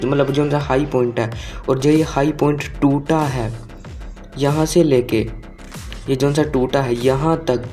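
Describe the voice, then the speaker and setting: A man's voice: medium pitch, dark tone. A man teaching a trading lesson over a chart, talking casually, repeating himself and quizzing his viewers. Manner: conversational, asks viewers questions, repeats phrases. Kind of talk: screen-share chart lecture.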